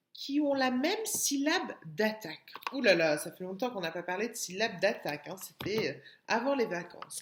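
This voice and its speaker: A French woman teaching young children in a recorded lesson, speaking gently and stretching out syllables. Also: medium pitch. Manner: slow, gentle, drawn-out syllables for small children. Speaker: preschool teacher. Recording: echoey room.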